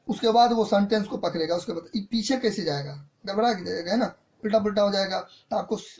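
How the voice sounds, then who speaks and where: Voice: mid-range voice, darkish tone. A teacher giving an online grammar lesson, explaining step by step, repeating points and often checking in with the students. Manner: mixes in English terms.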